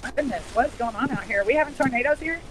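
A man's voice: very high-pitched, very fast, background noise. A man talking casually to viewers on a live stream. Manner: chatty, addresses viewers as y'all.

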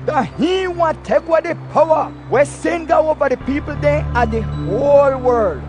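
An actor playing a fervent desert prophet in a dubbed film, earnest and declamatory, with a Belizean Kriol accent. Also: male voice, very high-pitched, moderate pace. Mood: earnest testifying. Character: fervent male desert prophet, long-haired preacher. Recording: music behind the voice.

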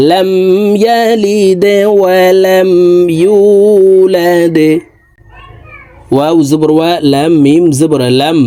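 A man's voice: medium pitch, mellow, no echo. Man spelling out a Quran lesson. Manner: spells letters and vowel marks slowly, then recites drawn-out and melodic. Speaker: Quran recitation teacher.

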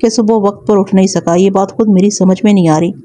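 A scared village man protests and begs that he is telling the truth, voiced by a woman reader. The tone is mellow and unforced, in a plain storybook reading. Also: mid-range voice, steady tone, close to an everyday voice. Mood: protesting. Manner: pleading, protesting. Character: pleading frightened male village suspect.

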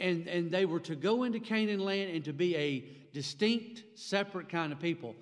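Pastor preaching in a reverberant hall. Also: male voice, fairly high pitch. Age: 40s. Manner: emphatic, gesturing widely, rising for emphasis. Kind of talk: sermon. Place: church sanctuary with chairs behind. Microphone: stand mic at a pulpit. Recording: long church-hall reverb.

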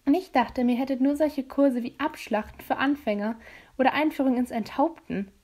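A sarcastic fifteen-year-old girl, voiced by a woman reading a storybook. Her lines sit higher than the narration and land with quick, pointed wit. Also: darkish tone.

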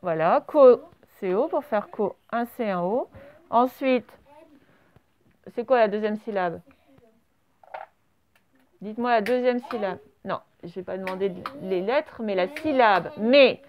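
A woman with a mid-range voice leads a primary school dictation lesson, splitting words into syllables and spelling them out letter by letter. She speaks a little slowly and pauses often. The recording is slightly dull and lo-fi.

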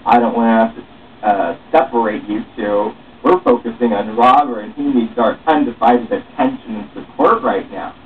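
A young adult man, the author of the script, reads his own dialogue aloud in an animated, dramatic way, voicing all the parts himself with a halting delivery. He is seated in a small room at home, and his mid-range voice is captured by a far camera or webcam mic. The sound is muffled, phone-like, distant and noisy.

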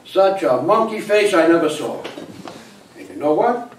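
An elderly actor in his 70s plays a teasing, wisecracking grandfather in a live comic stage play, telling a story with glee. His fairly high voice is very animated and moves at a moderate pace. Picked up by a distant camera in an echoey small theater, the audio has hiss.

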